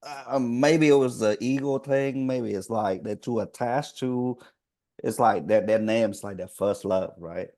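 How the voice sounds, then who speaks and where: A man hosting a casual podcast interview. His speech is halting, with restarts, and his grammar is slightly nonstandard. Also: mid-range voice, mellow. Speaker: podcast host.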